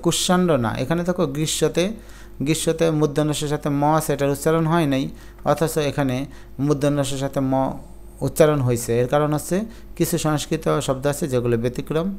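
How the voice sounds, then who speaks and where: A man's voice: a little high, a little mellow, clear, resonant tone. A male teacher giving an exam-prep lecture, explaining pronunciation rules step by step with worked examples. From Bangladesh.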